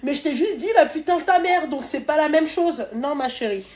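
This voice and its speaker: A woman in her thirties with a fairly high voice, hosting a live chat. She talks in a blunt, crude, animated way and speaks straight to her viewers as she hands out advice. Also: brisk. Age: 30s. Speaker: livestream host giving advice.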